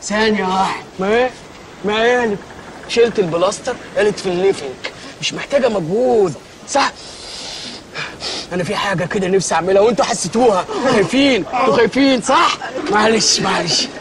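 A man's voice: sits high, fast, noisy background, lightly acted. An actor with an Egyptian accent playing a frantic grown man hunting for the TV remote, in TV sketch comedy. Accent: Egyptian Arabic. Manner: frantic, bursts into shouting. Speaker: comic actor.

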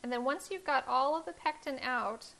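A high-pitched woman with a fairly bright tone talks at a normal speed. In her thirties, she's presenting a cooking demonstration on her home cooking show, using a lapel mic in her kitchen and explaining every step in a friendly, teacherly way.

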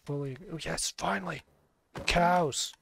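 A man's voice: a little high, unhurried, creaky, fairly bright tone. A man doing casual, playful game-stream commentary with mock-dramatic role-play, on a slightly noisy mic with clicks.

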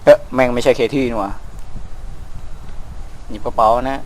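A young man talks over his game in a loose, crude, joking way, with a middle pitch. A faint hiss of noise sits under his voice. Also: fairly even intonation, moderate pace, darkish tone, low-quality recording. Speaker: gameplay commentator. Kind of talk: casual let's play commentary.

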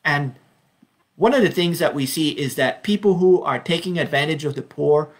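A Belizean man in his fifties leads an informal Bible study from home over a webcam, framed as a video call. He speaks earnestly and unhurriedly in a fairly high voice, with frequent ums, slowing down to read verses.

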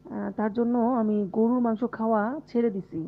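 A woman from Bangladesh hosts a casual live stream from a closed room at home, chatting with viewers, answering their comments and laughing often. She is unwell with a fever, and her voice sits a little high. The sound is thin and tinny, like a phone line. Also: level tone, brisk, vocal fry. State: unwell with fever and body aches.

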